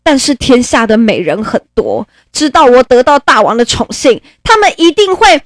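Woman reading a plaintive ancient courtier, high and anxious, in a dry room. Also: normal speed, no echo, close to an everyday voice. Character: ancient male courtier, tearful, anxious favorite.

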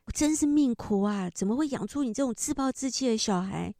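A woman voicing a furious, despairing middle-aged mother who wails and hurls accusations at her son. The mother's lines are raised high and loud against the speaker's own calmer voice. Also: fairly quick, no echo, clean studio sound. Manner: shrill, wailing, accusing.

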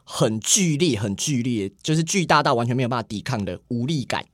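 Lively, fast-talking man. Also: medium pitch, no echo. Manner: earnest, repeats "对对对" often. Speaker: podcast guest. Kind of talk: candid personal conversation.

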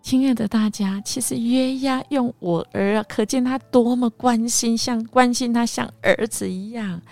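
A woman hosting a devotional podcast. She retells a Bible story with animated delivery and often sinks into soft half-whispers. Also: a little high, moderate pace, gravelly, no room sound, soft background music.

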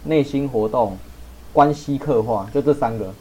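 A man's voice: medium pitch, dark tone, a little hiss or hum. A young man hosting a casual podcast chat, joking around and swearing often. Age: young adult. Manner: fast, joking, swears a lot. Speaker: podcast host.

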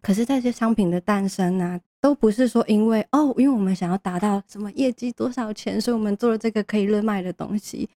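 A woman's voice: medium pitch, warm tone, no echo. A woman with a Taiwanese Mandarin accent tinged with Japanese, chatting casually in a girlish, gushing, giggly manner as a guest. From Keelung, Taiwan. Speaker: podcast guest, shop staffer. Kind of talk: casual chat.

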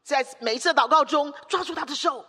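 High bright-voiced woman preaching in a hall. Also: brisk. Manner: emphatic preaching in repeated rhetorical lists. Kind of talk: sermon.

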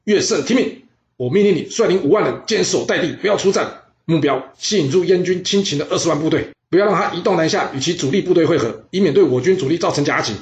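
A man's voice: lowish voice, fairly quick, a bit bright. A man voicing a confident veteran general who gives firm orders. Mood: commanding. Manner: firm, commanding. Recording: roomy, slightly dull audio.

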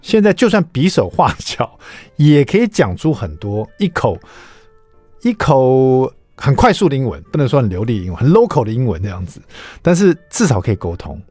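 A middle-aged man with a Taiwanese Mandarin accent, hosting a radio show and chatting through an animated story. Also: medium pitch, normal speed, no echo, soft background music. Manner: animated, chatty, acts out quoted lines. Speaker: radio host. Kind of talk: casual storytelling monologue. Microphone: studio microphone.

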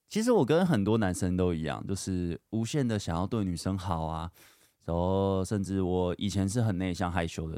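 A man's voice: low-pitched, no room sound, studio quality. A young man, hosting a podcast and telling personal stories in a chatty, candid way full of fillers. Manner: chatty and candid, lots of fillers, animated when retelling. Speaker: podcast host. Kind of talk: casual storytelling monologue.

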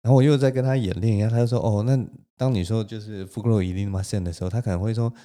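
A man hosts a solo podcast and tells a story in Taiwanese-accented Mandarin. His voice sits on the low side and sounds dark and mellow. He keeps the telling lively and breaks into small laughs along the way. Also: rapid-fire. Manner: animated, laughs between lines. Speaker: podcast host.

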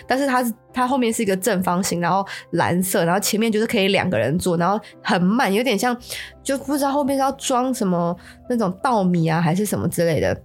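A woman podcast host with a Taiwanese Mandarin accent, telling a story casually, with stammering restarts. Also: medium pitch. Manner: stammering restarts, acts out quotes.

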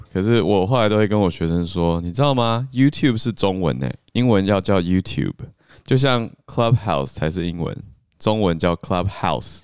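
A man's voice: fairly low pitch, clean tone, no room sound, clean studio sound. A man with a Taiwanese Mandarin accent co-hosting a morning news podcast, chatting casually and playfully, often laughing as he corrects English stress. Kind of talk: casual chat.

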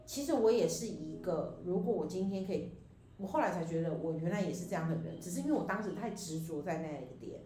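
Fast-talking woman telling a story. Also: fairly low pitch, slight background noise. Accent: Taiwanese Mandarin. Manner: rambling, animated storytelling with quoted dialogue and laughter. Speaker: podcast co-host. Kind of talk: casual chat, telling a personal story. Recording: echoey room with faint music.

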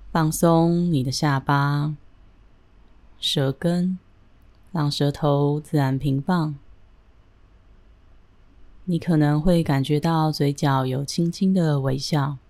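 A woman leading a guided breathing and relaxation meditation in a calm, gentle, soothing manner with deliberate pauses. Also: sits low.

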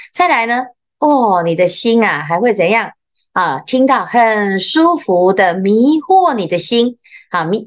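A woman with a Taiwanese Mandarin accent, a Buddhist nun giving a dharma talk in a lively way, full of little interjections, slowing down to read sutra lines. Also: medium pitch. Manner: slows down when reading sutra lines. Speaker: Buddhist nun teaching scripture.

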